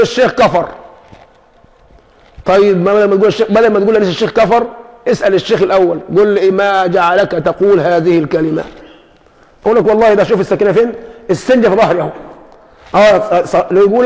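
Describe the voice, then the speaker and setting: A man with an Egyptian accent teaching a religious lesson, telling stories and acting out the dialogue with teasing asides. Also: sits high. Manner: lively storytelling that acts out dialogue with teasing asides. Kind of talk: explaining hadith in a lesson. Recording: long hall reverb.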